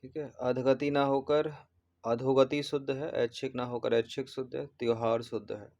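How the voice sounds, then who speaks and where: Male tutor, steady monotone delivery, patient, repeats each word while walking through answers. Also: mid-range voice, normal speed. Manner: repeats words, corrects spellings patiently. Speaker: exam prep teacher. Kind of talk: explaining test answers.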